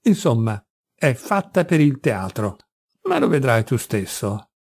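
A man reading aloud, voicing an eager, lively young male friend who talks persuasively. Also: medium pitch, measured pace, vocal fry, breathy edge, no room sound, heavily acted.

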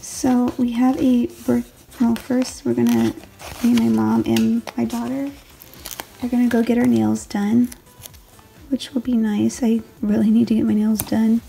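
A stay-at-home mom in her 20s films a casual late-night planner walkthrough at her home desk, using an overhead camera on the desk. Her raspy, gravelly late-night voice is a little high, soft, and rambling, with self-corrections, a flat delivery, and a slightly slow pace. The audio is poor with slight background noise.

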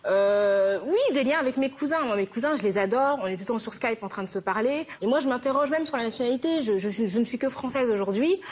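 A young woman from France, a guest in a TV interview, answering earnestly and quickly, thinking aloud as she goes. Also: fairly high pitch, expressive, a little mellow, breathy edge. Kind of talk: TV interview conversation.

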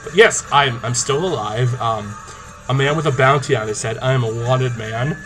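Cocky young man with a bright, forceful voice. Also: medium pitch, normal speed, faint music behind, rough recording. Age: young adult. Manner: cocky, playful, boastful, animated. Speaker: video diarist in a zombie tag game. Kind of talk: casual vlog talk to camera. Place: small indoor room. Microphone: webcam or laptop mic at arm's length. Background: rock song playing.

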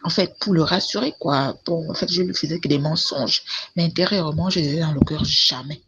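A woman's voice: low-pitched, a little fast. A woman chatting casually through a long personal story, full of fillers and repeated words. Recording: dull lo-fi recording with faint noise.

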